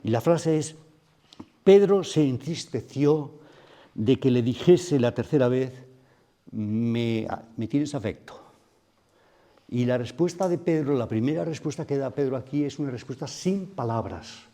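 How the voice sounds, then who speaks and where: At a men's retreat, a man with a warm, mellow voice pitched in a mid range delivers a sermon. Reflective in tone, he repeatedly turns to the room with questions.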